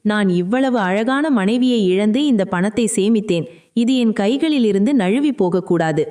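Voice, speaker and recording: A woman's voice: medium pitch, animated, a little slow, warm tone, lightly acted. A woman reading a cold, greedy young husband. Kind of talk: storybook narration.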